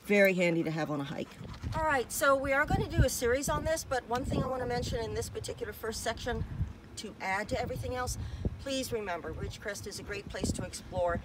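Out in open desert near trails and a dirt parking lot, a fitness department staffer gives an informal safety talk on hiking with dogs to camera. She is a middle-aged American with a fast, expressive, rather high voice, heard from a distance over faint outdoor sounds.

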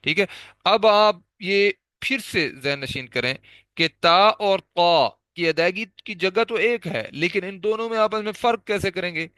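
A man with a Pakistani Urdu accent gives a tajweed lesson, patiently walking through how each letter is formed and repeating the sounds slowly for practice. His voice is bright, smooth and fairly high for a man, and it is recorded dry and close. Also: no room sound. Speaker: Quran recitation teacher.

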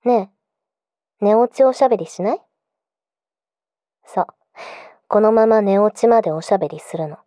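A woman's voice: mid-range voice, moderate pace, pauses often, dark tone, no echo, studio quality, lightly acted. A woman playing a clingy, possessive yandere girlfriend in an intimate pillow-talk role-play, coaxing and insistent. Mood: sweet, clingy.

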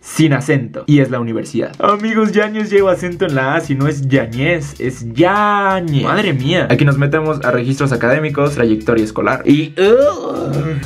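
A young man with a Mexican accent, talking casually and expressively to his viewers in a confessional vlog. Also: a little high. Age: young adult. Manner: chatty and expressive, addresses viewers as friends. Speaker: vlogger.

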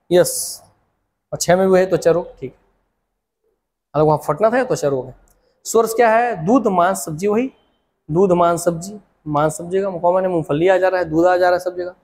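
Brief: young Chhattisgarhi male tutor, high voice, lively and repetitive, classroom reverb. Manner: animated, uses memory tricks and repeats words. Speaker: teacher. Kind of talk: exam coaching lecture.

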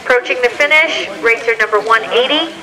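A woman announcing racer numbers and finish times over a loudspeaker at a ski race. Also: fairly high pitch, a little fast, a crowd in the background, low-quality recording. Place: outdoor ski slope.

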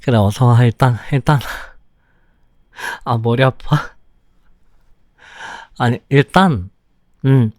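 A man as a pouty, clingy young boyfriend in a slow whispered role-play. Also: medium pitch, no room sound, lightly acted. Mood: pouty, affectionate. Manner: slow, soft, close-up ASMR delivery with pouty complaints.

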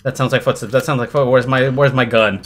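A man's voice: medium pitch, fairly even intonation, quick pace, slight background noise. A man streaming a horror game live, talking to himself and cursing in panic as he plays. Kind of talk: live gameplay commentary.

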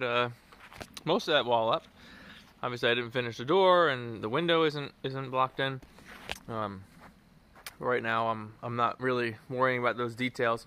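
Out at a wooded construction site, a man in his thirties vlogs his house build with a phone at arm's length, talking loosely, using fillers and poking fun at himself. His mid-range voice is a bit bright, with slight background noise.

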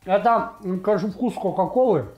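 A man in his forties hosting a casual tasting video in a home kitchen on a clip-on mic, thinking aloud in a halting way. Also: high-pitched, lively intonation, a little mellow, faint music behind. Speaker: host of a food tasting video. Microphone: lavalier clipped to T-shirt.

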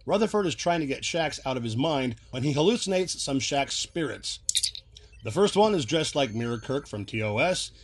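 A man hosts a casual recap video, explaining references in a chatty way and laughing often. His pitch sits in the middle range. A faint noise hangs behind his voice. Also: animated, moderate pace. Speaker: video host.

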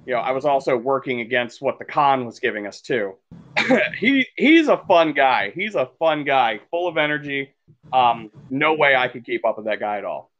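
A man's voice: medium pitch, normal speed. Rambling storytelling man, slightly muffled. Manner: rambling storyteller, animated when acting out quotes. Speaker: podcast co-host. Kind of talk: casual chat.

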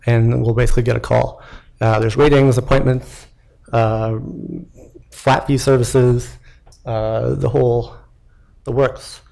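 Speaking through a podium mic in a lecture hall at a tech meetup, a young male founder runs a loose live demo of his startup's product, often restarting and filling pauses. His medium-pitched voice has vocal fry and a slightly mellow quality.

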